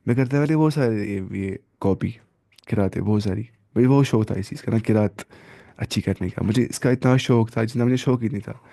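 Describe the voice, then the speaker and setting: Gravelly-voiced man teaching Quran reading. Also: lowish voice, mellow. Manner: slow drawn-out letter-by-letter drilling. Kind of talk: live online tajweed lesson.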